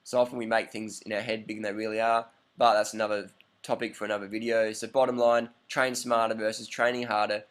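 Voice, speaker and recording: A man in his thirties giving blunt, animated advice in a casual to-camera monologue, full of rhetorical questions. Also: fairly low pitch, quick pace. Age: 30s. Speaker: vlogger. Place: lives in Bangkok.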